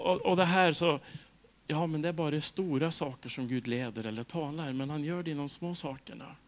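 A middle-aged Swedish man preaching a sermon, telling stories with laughs and acting out dialogue. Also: high voice. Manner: lively storytelling with laughs and acted-out dialogue. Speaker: pastor.

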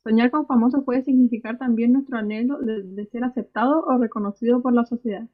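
A young woman co-hosting a casual podcast, telling animated stories about school days. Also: fairly high pitch, a little fast. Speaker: podcast co-host. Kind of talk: casual chat. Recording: slightly dull lo-fi sound.

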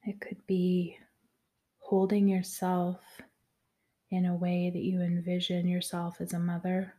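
A woman leading a guided meditation in a soft, soothing voice that often drops to a whisper. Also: on the low side, completely flat delivery, unhurried.

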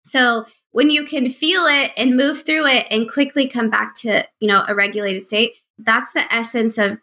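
A woman's voice: fairly high pitch, steady tone, moderate pace, bright, forceful tone. A woman podcast guest and mind-body coach, talking conversationally on a call from home and animatedly acting out her past self in quoted asides. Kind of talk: conversational interview.

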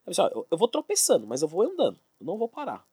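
Fast, lively man, husky. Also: high voice, no echo. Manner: animated, fast, acts out quoted dialogue. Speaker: guest, fitness expert. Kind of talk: casual interview storytelling.

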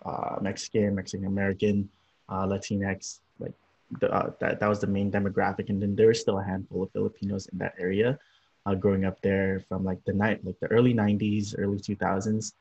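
A young man from Los Angeles, a podcast guest, talking about his upbringing in a relaxed, rambling way with many fillers. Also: sits low, fairly quick, creaky, husky. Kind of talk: casual interview. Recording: dull lo-fi audio.

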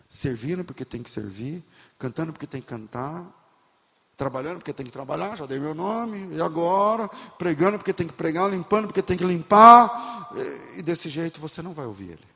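A bright, fairly high-voiced man preaches to his congregation, rising from hushed low stretches to fervent shouted climaxes. His voice rings through a church hall with a long, lingering reverb. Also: vocal fry. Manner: builds to impassioned shouting, then drops low. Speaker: pastor. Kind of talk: sermon.

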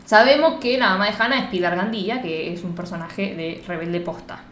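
Animated Argentine woman recapping a show. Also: medium pitch, a little fast. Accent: Argentine Spanish. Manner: animated storyteller, slangy and swearing. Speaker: co-host recapping a series. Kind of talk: casual chat. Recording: echoey room with faint noise.

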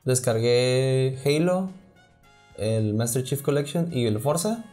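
A man of medium pitch speaks with a northern Mexican accent. He co-hosts a podcast in casual, slang-filled conversation, with faint music in the background. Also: lively intonation, slow pace, a little mellow. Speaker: podcast co-host. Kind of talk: casual chat about video games.

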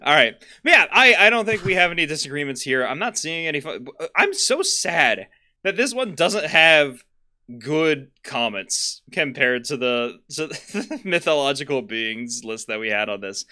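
A man's voice: medium pitch, lively intonation, normal speed, few pauses, bright, forceful tone, clear, resonant tone. A man co-hosting a casual podcast chat, joking and laughing, often stalling and restarting his sentences. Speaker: podcast co-host.

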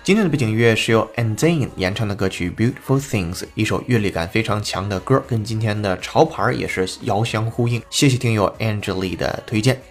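A man's voice: fairly low pitch, brisk, hardly any pauses, faint music behind. A man hosting a podcast English lesson, explaining step by step and spelling words out letter by letter. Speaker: English teacher.

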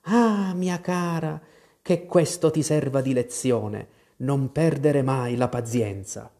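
A man's voice: medium pitch, slow, mellow. A man voicing a prim, lecturing old female crab in a storybook reading. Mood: preachy.

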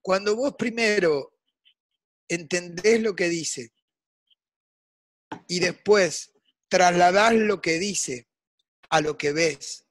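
Older Rioplatense man, guest musician, husky raised voice, emphatic and swinging between hush and shouts. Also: high voice, slow pace, pauses often. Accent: Rioplatense Spanish. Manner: emphatic, swings from hushed to loud. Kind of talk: impassioned interview monologue.

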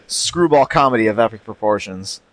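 A man's voice: fairly low pitch, animated, brisk, a bit bright, low-quality recording. A man hosting a podcast in a casual chat, wordy and wry with a self-deprecating way of talking. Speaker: podcast host.

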